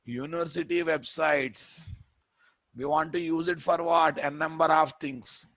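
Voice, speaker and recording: Higher-pitched man with a Telugu Indian accent, lecturing. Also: steady tone, measured pace, a bit bright, no echo. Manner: repeats phrases emphatically, prompts listeners with questions. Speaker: programming instructor. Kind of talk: classroom lecture with rhetorical questions.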